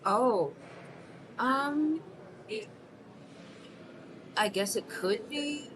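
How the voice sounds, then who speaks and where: A slightly high, animated voice belongs to a woman in her 30s from Mexico City, acting as an interviewee in a short film. She plays a 38-year-old single mother, soft-spoken and self-conscious, who haltingly answers unheard questions in a scripted monologue, with lots of ums and restarts. Background hiss is noticeable.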